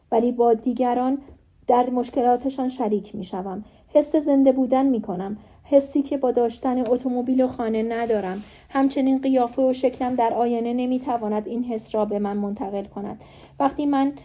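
A woman voicing a gentle, wise, dying elderly male professor in an audiobook reading, giving calm, earnest advice. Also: on the high side, close to an everyday voice.

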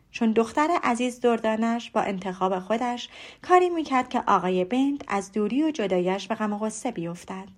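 A woman narrating an audiobook in a calm, even storytelling manner. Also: medium pitch.

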